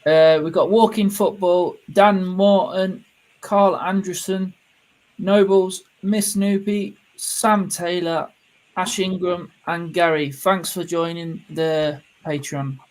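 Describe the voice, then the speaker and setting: Higher-voiced British man chatting. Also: fairly even intonation, slow, poor audio. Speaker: podcast co-host. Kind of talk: casual chat.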